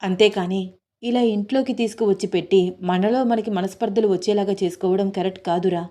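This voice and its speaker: A woman's voice: mid-range voice, steady tone, a little fast, warm tone, lightly acted. A woman storyteller voicing a protective middle-aged mother who scolds her son indignantly. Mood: scolding.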